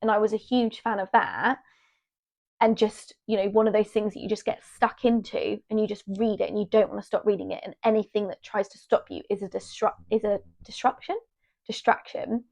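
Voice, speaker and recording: Young woman, vlogger, casual chat, rambling, gravelly fry, mid pitch. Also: level tone, fairly quick, darkish tone. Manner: chatty and rambling, restarts sentences. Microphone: small mic on her.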